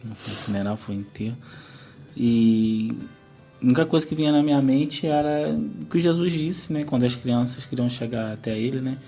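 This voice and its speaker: A man's voice: mid-range voice, normal speed, dark tone, soft background music. A man hosting a faith radio interview in a pastoral, consoling way. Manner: consoling, keeps adding "né?". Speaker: radio program host.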